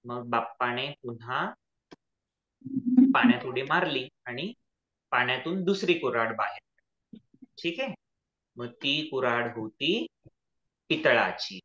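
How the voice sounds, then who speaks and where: A man telling a children's story, pausing often to explain words and check that listeners follow. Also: medium pitch, expressive, bright, forceful tone. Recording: echoey, slightly dull recording.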